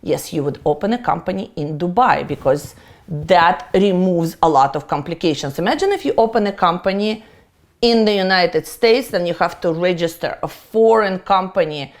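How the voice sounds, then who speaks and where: With a fairly low voice and lively intonation, a middle-aged Russian tax accountant presents a lecture to camera at a moderate pace. Her Russian accent comes through as she stays playful and emphatic, often joking at her own expense.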